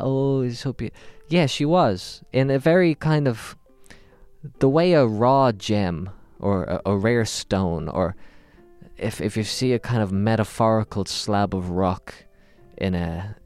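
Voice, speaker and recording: A man spins a rambling comic tale in a low, smooth voice. He wanders off into deadpan asides and self-corrections. The sound is close and dry, with faint music underneath. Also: a little slow, no room sound. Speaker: podcast host. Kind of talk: comic storytelling monologue.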